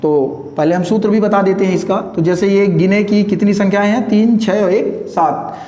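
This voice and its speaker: A man teaching a math class, explaining step by step, often checking with tag questions and counting out numbers slowly. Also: high voice, fairly even intonation, dark tone. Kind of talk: classroom lecture. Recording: echoey room with long reverb.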